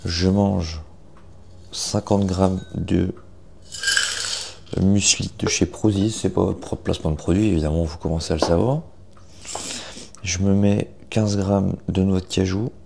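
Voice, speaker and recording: A young man chatting casually in a morning vlog, informal and self-deprecating, with a gravelly morning voice full of vocal fry. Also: low-pitched, fairly even intonation, unhurried, long pauses, noisy background. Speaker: vlogger.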